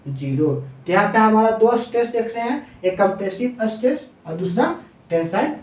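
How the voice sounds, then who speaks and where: A man teaching engineering in a classroom lecture. He asks questions and answers them himself, drops lower on the answers, and slows down when dictating formulas. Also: animated, darkish tone, far from the mic. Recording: echoey room, voice off-mic.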